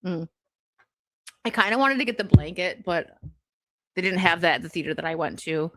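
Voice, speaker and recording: A woman's voice: lowish voice, lively intonation, normal speed, pushed and bright, dry recording. A woman hosting a casual livestream chat, talking in a giggly, rambling way full of fillers. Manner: chatty, giggly, many "like" fillers. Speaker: streamer host.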